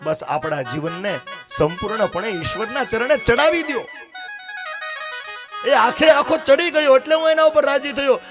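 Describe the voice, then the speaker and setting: Male storyteller, high voice, dramatic delivery, soft music underneath. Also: normal speed. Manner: dramatic, acts out dialogue, addresses listeners directly. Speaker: katha storyteller. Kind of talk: devotional story sermon.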